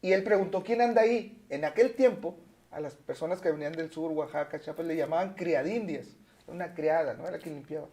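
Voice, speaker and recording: In a casual interview chat, a man with a Mexican accent, who is both a teacher and the guest, explains his views in a relaxed, lecturing manner and often uses tag questions. His voice is slightly high and dark, and he talks a little fast.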